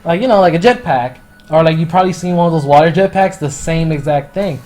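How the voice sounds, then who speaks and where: A man chatting through a review with a rambling, excitable delivery full of profanity. His voice sits a little high for a man, and faint music plays underneath. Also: fast. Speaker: anime and manga reviewer. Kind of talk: casual review chat.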